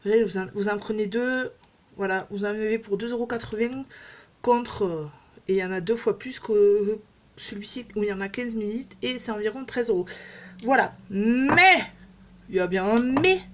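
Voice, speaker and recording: A woman's voice: medium pitch, a little fast, a little mellow. Chatty rambling woman beauty vlogger. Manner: chatty, rambling, self-mocking with many fillers. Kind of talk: casual makeup demo chat. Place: at home.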